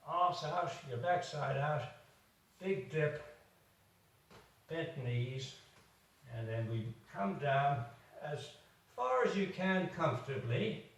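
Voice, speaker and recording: A man, a doctor, slowly coaching home exercises while demonstrating them, a little out of breath. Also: fairly high pitch. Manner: slow, encouraging, demonstrating while talking. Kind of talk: instructional exercise video. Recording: echoey room, far from the mic.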